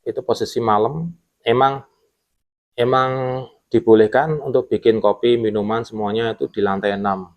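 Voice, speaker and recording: A man with a fairly low voice talks at a moderate pace, pausing often. He's a former security guard telling a ghost story in a casual podcast chat, animatedly acting out what his coworkers said.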